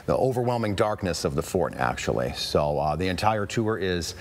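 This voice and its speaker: Very deep-voiced American man, measured and deliberate. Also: expressive. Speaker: historic fort staff historian, interview guest. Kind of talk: live TV interview.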